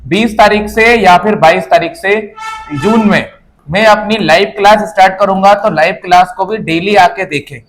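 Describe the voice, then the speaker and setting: A man's voice: high voice, a little hiss or hum. A male teacher giving exam preparation advice to students in an informal, reassuring way, often repeating himself and checking in with "है ना".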